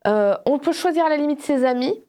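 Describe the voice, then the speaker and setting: On a religious discussion show, a female panelist talks a little fast in a high-pitched voice. Her casual Bible explanations come across as lively storytelling, with examples and imagined quotes acted out.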